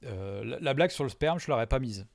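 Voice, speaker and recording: A man's voice: medium pitch, animated, fairly quick, vocal fry. A man casually commenting live on his own video, hesitant with lots of fillers and self-mocking jokes.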